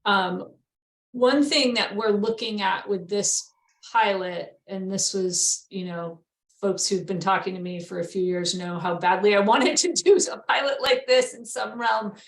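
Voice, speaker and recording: A woman moderating an online meeting, relaxed and hesitant, with many pauses. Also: medium pitch, reverberant.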